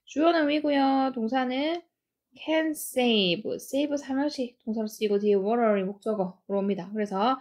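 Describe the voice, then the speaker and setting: A woman teaching English grammar, explaining each sentence step by step and reading the English lines slowly. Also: fairly high pitch, darkish tone. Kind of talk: grammar lesson.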